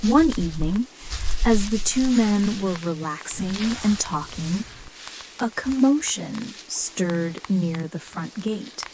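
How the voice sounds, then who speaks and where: A woman narrates a bedtime story in a slow, measured whisper, in an ASMR style. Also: mid-range voice, animated, background noise.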